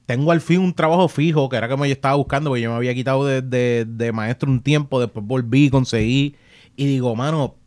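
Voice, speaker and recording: A young man hosting a podcast in casual chat, telling stories with lively, slangy speech and easy swearing. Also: mid-range voice, fast talker, no room sound, clean studio sound. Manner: animated storyteller, slangy and swearing freely. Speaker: podcast host.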